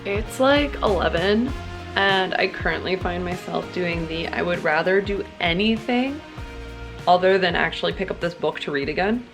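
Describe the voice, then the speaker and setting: A woman's voice: fairly low pitch, lively intonation, moderate pace, music in the background. A woman chatting casually and ramblingly in a reading vlog, sounding unimpressed as a book reviewer. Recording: fan noise behind the voice. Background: running fan.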